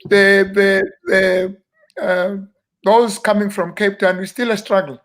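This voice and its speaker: A South African minister in his 50s reminisces as a guest in a relaxed interview. He speaks unhurriedly and rambles, with frequent fillers and restarts, in a mid-high voice that is a bit bright with fairly even intonation.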